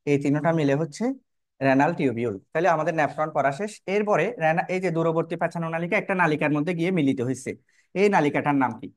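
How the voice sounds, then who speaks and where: Male biology tutor, a bit high-pitched, dry close recording. Repeats terms, quizzes students as he draws. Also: fast, no room sound. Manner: repetitive, checks in with "কেমন?" and rhetorical questions. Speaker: biology teacher. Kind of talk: online lesson, explaining while drawing.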